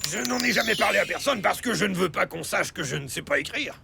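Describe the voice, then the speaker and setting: Cartoon cockroach writer, gravelly fry, high voice, self-pitying, melodramatic, panicky. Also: male voice, animated, fast talker, background noise, heavily acted. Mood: despairing. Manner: melodramatic, wailing outbursts. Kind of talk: French cartoon dub acting.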